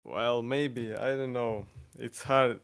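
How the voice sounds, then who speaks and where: Guest: man, Ukrainian accent, slow and halting, dry close sound. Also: mid-range voice, steady tone, fairly bright tone, dry recording. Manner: hesitant, halting, laughs often. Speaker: guest vocalist. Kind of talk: casual chat on a stream.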